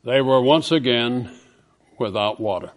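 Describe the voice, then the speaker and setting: Man, preacher, impassioned sermon, hushed to booming. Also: a little slow. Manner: swings from hushed storytelling to loud impassioned peaks.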